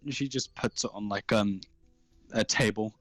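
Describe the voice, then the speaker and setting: A man improvising tabletop game narration as game master, in an informal, halting, descriptive way. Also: on the low side, fairly even intonation, dry recording. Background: faint music.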